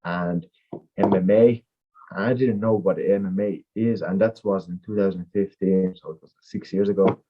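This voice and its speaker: This MMA fighter, a man in his twenties who grew up in Finland speaking Finnish natively, gives wandering, filler-packed interview answers. He has a low, steady voice at normal speed, captured with lo-fi sound.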